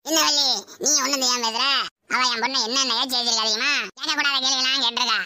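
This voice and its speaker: A woman's voice: high-pitched, steady tone, very fast, bright, forceful tone, dry recording. A woman voicing a proud, quarrelsome older village mother with a Tirunelveli Tamil accent, talking in a scolding, boastful way. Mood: aggrieved.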